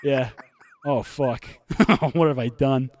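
A man's voice: mid-range voice, takes it slowly, darkish tone. Laughing man, crude casual banter. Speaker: podcast host. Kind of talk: casual chat reacting to videos.

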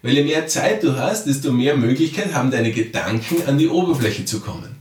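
Brief: male coach talking straight to the listener, mid pitch, set back from the mic in a roomy space. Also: animated, brisk. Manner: addresses listener directly, often checks in with "ja?". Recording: roomy sound, mic at a distance.

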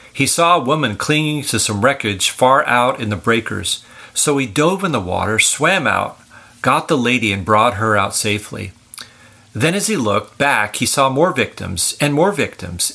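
Older man, podcast co-host, bright tone, earnest, encouraging. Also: medium pitch, slightly rough.

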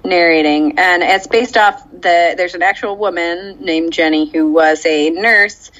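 A woman's voice: lowish voice, unhurried, a bit bright. A woman co-hosting a podcast, explaining a show at length with many ums and frequent laughs. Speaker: podcast co-host. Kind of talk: casual chat, recapping a show. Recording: dull lo-fi audio.

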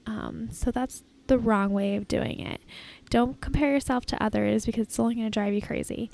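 A woman hosting a casual, reflective solo podcast in an informal, halting way, recorded in an airport terminal. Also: on the high side, steady tone, creaky, darkish tone. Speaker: podcast host. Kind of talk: casual solo podcast talk, self-help advice.

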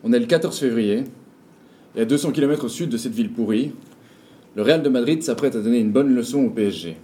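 Mellow man telling a story. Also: mid-range voice, animated, a little fast. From Belgium. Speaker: storyteller performing an autobiographical monologue. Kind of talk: dramatic first-person stage storytelling.

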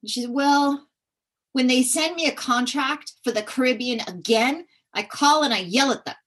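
A woman guest telling lively stories from her working years, acting out the people she quotes. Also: high voice, moderate pace. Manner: lively, animated, acts out quoted voices. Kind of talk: storytelling in conversation.

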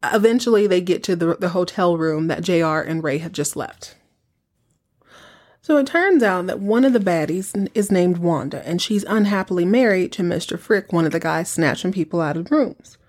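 A woman's voice: on the low side, expressive, moderate pace, darkish tone. Chatty woman hosting a casual recap podcast. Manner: informal, conversational storytelling with rhetorical questions and asides. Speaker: podcast host.

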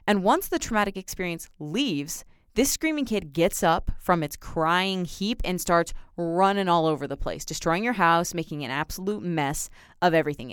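Young female podcast host, casual self-help monologue; clear, resonant, slightly low voice. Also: no room sound, studio quality. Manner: chatty, uses lots of "like".

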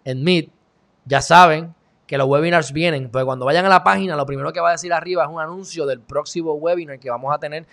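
A man's voice: a little high, fast, vocal fry, fairly bright tone. Sarcastic Puerto Rican man ranting on a livestream. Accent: Puerto Rican Spanish. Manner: sarcastic, heated, mocking asides. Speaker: online show host. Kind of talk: casual live-stream commentary.

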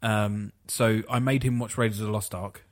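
A man's voice: on the low side, fairly even intonation, normal speed. A man in casual podcast chat, blunt and dismissive in his opinions.

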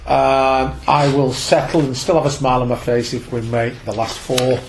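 A man's voice: mid-range voice, fairly even intonation, moderate pace, slight background noise, rough recording. A man with an English accent chatting casually, upbeat and full of trivia and jokes. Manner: upbeat, jokey, sharing trivia. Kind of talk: casual chat.

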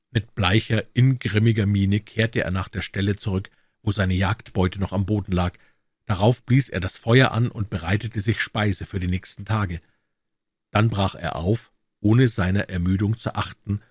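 Husky-voiced male audiobook narrator. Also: lowish voice, dry recording, clean studio sound. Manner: measured, dramatic storytelling. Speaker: audiobook reader.

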